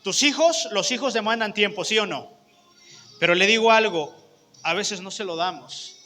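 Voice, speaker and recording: A man's voice: high voice, moderate pace, pushed and bright, faint music behind. A man preaching a sermon with a Mexican accent, conversational, often putting questions to the congregation, with long church hall reverb. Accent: Mexican Spanish.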